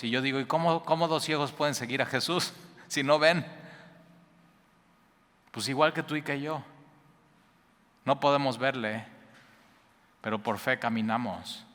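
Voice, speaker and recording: A man preaching a sermon, his voice bright and forceful. He talks straight to his listeners in a lively, conversational way, full of asides. The sound rings out with a long reverb. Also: mid-range voice. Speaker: pastor. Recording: reverberant hall.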